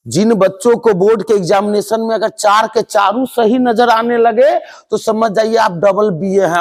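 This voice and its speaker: A man with a very high-pitched voice teaches English spelling and pronunciation to board exam students. He is animated and joking, playfully scolding the class.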